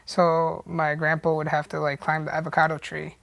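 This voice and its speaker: A man's voice: a little high, completely flat delivery, moderate pace, gravelly, a bit bright. A man from El Salvador, a teacher and boxer, recalling his childhood in a reflective way, often saying "like" and "um". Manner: reflective, with fillers like "like" and "um". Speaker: interview guest, teacher and boxer. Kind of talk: personal storytelling interview.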